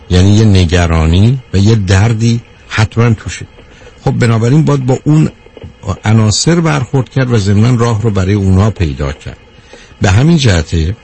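A man giving a measured talk to a live audience, counting off his points one by one and answering a question from the room. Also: on the low side, darkish tone, slightly rough. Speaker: speaker on anger management.

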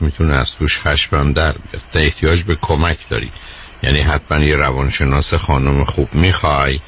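A man hosting a radio counseling call-in show, speaking calmly and unhurriedly and addressing the caller fondly. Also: very deep voice, a little hiss or hum.

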